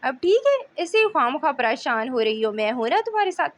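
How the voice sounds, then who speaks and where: A woman's voice: high voice, big pitch swings, a little fast. A woman reading the lines of an affectionate, teasing young husband in an audiobook novel, coaxing and tender.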